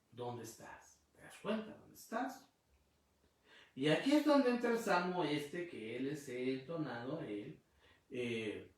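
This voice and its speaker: A man preaches in a fairly high voice, posing rhetorical questions with emphatic rises that fall back to quiet asides. His voice carries a heavy echo, as if filling a bare hall. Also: distant mic. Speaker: preacher giving a spiritual talk. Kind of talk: sermon. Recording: very echoey room.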